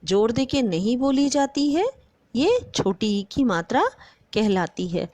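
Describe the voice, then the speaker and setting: Woman primary teacher, slow and sing-song, drawing out example words for small children; dry, close sound. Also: a little high, big pitch swings, dark tone, no room sound. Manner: addresses the pupils often and asks them questions. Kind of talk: online grammar lesson for young children.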